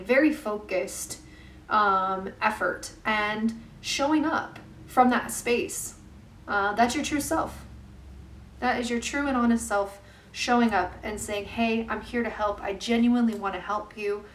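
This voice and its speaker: A woman giving an earnest, gentle self-help talk to camera, with many pauses and fillers. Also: fairly high pitch, recorded from a distance. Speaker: vlogger and life coach. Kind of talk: reflective self-help monologue. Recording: echoey room, voice off-mic.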